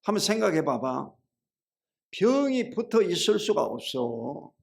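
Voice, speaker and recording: A middle-aged man preaches a sermon in a gravelly voice that sits a little high. He keeps asking the congregation rhetorical questions and calling for amens, and he tells everyday stories in a chatty way that swings between loud and low. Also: big pitch swings, a little slow. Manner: colloquial storytelling, shifts between loud and low. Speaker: pastor.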